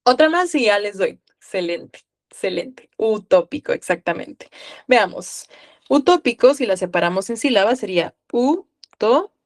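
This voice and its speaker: A woman's voice: medium pitch, sing-song, moderate pace. Upbeat woman tutor coaxing students. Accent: Guatemalan. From Guatemala. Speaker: online tutor. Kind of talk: live online class.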